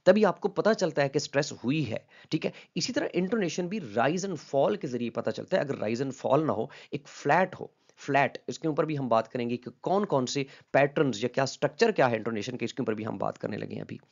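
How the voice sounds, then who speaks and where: Male lecturer, mid-pitched, patient and repetitive, lo-fi audio. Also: animated, a little fast, creaky, hardly any pauses. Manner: patient, repeats key terms, checks in with "ठीक है?"; mixes English terms into Hindi-Urdu speech. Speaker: linguistics lecturer. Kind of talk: explanatory lecture. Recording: slightly dull lo-fi audio.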